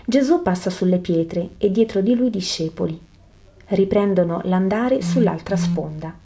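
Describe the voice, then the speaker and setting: A woman narrating a religious story in a steady, devotional reading style. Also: fairly low pitch, moderate pace. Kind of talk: scripted narration of a religious text.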